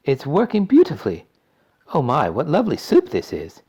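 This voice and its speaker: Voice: mid-range voice, wildly swooping pitch, moderate pace, dark tone, slightly rough, highs cut off, pitched above the performer's own voice. A performer voicing a brash, stubborn young girl in a storybook, boastful and gushing with emphasis. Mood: delighted gushing.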